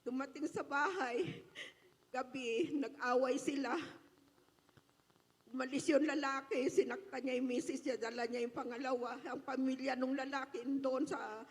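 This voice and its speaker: A woman with a high voice gives an emotional church testimony. She tells her story and breaks often into exclamations of praise. Her words ring out with a long reverb, as in a large church hall. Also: fairly even intonation, measured pace. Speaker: church member giving testimony.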